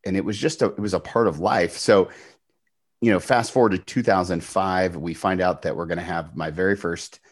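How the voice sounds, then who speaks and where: A middle-aged man, a podcast guest, telling his faith story in an earnest, animated way with emphatic bursts. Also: sits low, normal speed. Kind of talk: storytelling testimony.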